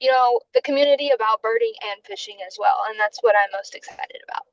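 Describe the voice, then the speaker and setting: A woman from Texas introducing herself over a phone while driving, talking in hurried bursts. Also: high voice, sing-song, gravelly, no echo, muffled recording. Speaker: incoming intern. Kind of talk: casual self-introduction on a video call. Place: in a car, driving.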